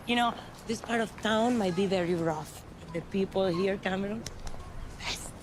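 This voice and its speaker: An actress playing a passionate, loud middle-aged Colombian wife in a sitcom, with a strong Colombian accent. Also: female voice, mid-range voice, normal speed, background noise, natural voice. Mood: worried. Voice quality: loud, emphatic, bursts into shouting. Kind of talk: sitcom acting.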